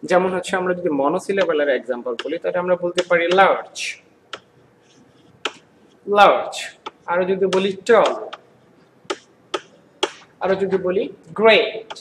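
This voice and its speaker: A man's voice: high voice, background noise. Patient Bangladeshi male teacher explaining grammar. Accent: Bangladeshi Bengali. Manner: patient, repeats words slowly and asks the class questions. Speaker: school English teacher. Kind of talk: classroom grammar lesson.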